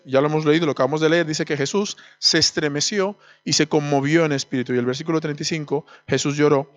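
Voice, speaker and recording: A man's voice: on the high side, a bit bright, no room sound, muffled recording. A man preaching a sermon in a church, speaking conversationally and asking the congregation questions.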